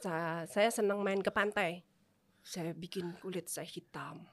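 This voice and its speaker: A woman from Indonesia speaks in a fairly low voice at a measured pace. She's a guest in a casual interview, telling stories with lots of animation, laughing often and acting out the dialogue she remembers.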